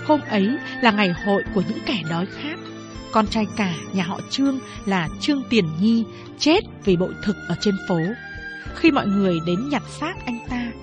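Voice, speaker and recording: A woman narrating a novel in a steady, measured storytelling voice. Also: medium pitch.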